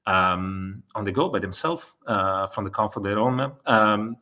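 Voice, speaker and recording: Speaking unhurriedly in a lowish voice with a sharp tone, a man in his forties from Italy answers interview questions with an Italian accent. The e-commerce consultant guest is hesitant, peppering his replies with fillers and self-corrections.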